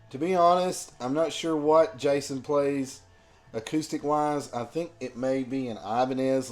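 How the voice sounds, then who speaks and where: Guy with a scratchy sore throat reviewing an album, talks real slow, faint music behind. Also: mid-range voice, darkish tone. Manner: slow, loose, lots of ums and uhs.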